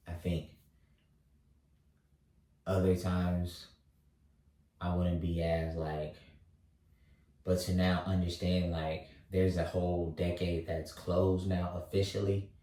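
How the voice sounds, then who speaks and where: A thirty-year-old man vlogging, talking slowly through his thoughts with lots of fillers and restarts. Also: low-pitched, warm tone, far from the mic. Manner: halting, many fillers and restarts. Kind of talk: reflective casual monologue. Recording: roomy echo, voice set back from mic.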